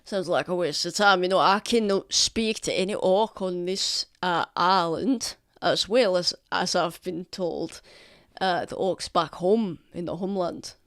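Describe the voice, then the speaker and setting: A man playing a weary, blunt orc veteran in a tabletop game, gruff and sardonic. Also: sits high, a little slow, hardly any pauses, fairly bright tone, no room sound, clean studio sound. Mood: grumbling. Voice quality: gruff, sardonic, swears casually. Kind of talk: tabletop role-play in character.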